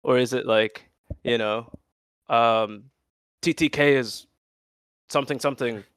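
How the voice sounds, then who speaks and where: Young male co-host, smooth resonant voice, dry close sound, teasing jokey banter. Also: medium pitch, measured pace, fairly bright tone, dry recording. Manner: teasing, goofy banter with swearing. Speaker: podcast co-host. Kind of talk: casual chat.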